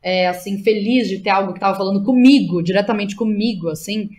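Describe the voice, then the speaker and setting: With a mid-range, darkish voice and a little hiss or hum in the audio, this Brazilian playwright and theatre director talks fairly quickly as an interview guest. The podcast chat is casual, full of informal slang and tag questions.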